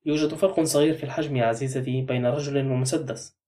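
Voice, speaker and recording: A man voicing a sharp-tongued, wary man under suspicion, curt and sardonic. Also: mid-range voice, fairly even intonation, fast, distant mic, natural voice. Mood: cool.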